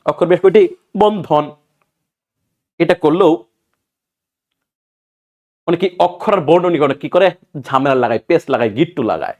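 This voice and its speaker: A man's voice: fairly high pitch, moderate pace, pauses often, a little mellow, muffled recording. A man from Bangladesh, teaching an exam-prep grammar lesson and quizzing listeners before answering his own questions.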